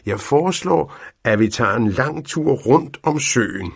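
Man playing patient old inventor, storybook, gravelly, hesitant pauses. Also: mid-range voice, animated, dry recording, clean studio sound, voice pushed up.

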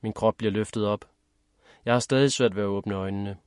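Man, low voice, first-person story narration, measured and steady, dry close sound. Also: clean tone, no room sound. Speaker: audiobook narrator.

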